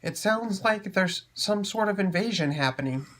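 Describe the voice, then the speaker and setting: A man doing a small fretful forest creature, high. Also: animated, moderate pace, fairly bright tone. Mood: worried.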